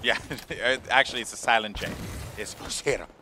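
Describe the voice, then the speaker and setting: A man's voice: medium pitch, fairly even intonation, normal speed, noisy background. A man giving live esports commentary with playful, slangy banter.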